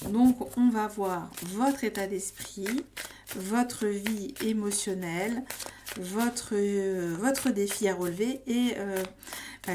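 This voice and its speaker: A woman at a medium pitch giving a relaxed tarot reading. She speaks with frequent pauses, fillers and self-corrections, as if thinking aloud while laying out cards. Her tone is chatty and addresses the listeners directly. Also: a little hiss or hum. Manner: hesitant, frequent fillers and restarts, warm addressing of viewers. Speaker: tarot reader. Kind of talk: casual monthly tarot reading.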